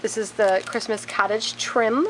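Speaking at a measured pace with fairly even intonation, a woman with a high-ish voice hosts a casual product walkthrough. She films behind a handheld camera in a large warehouse with wire shelving, plainly naming items one by one amid background noise.

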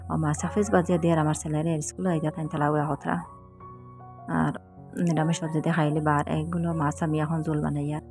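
A woman's voice: deep voice, flat delivery, fast talker, a little mellow, soft background music. A woman in her thirties with a Sylheti accent, talking casually and earnestly to her viewers in a village vlog. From Sylhet region, Bangladesh. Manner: pleading, earnest. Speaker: village lifestyle vlogger.

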